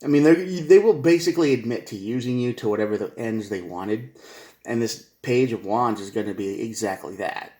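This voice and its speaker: A man's voice: fairly low pitch, normal speed, mellow, reverberant. Rambling man giving a tarot reading. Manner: rambling, repetitive, slangy, says "man" and "bro". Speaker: tarot reader.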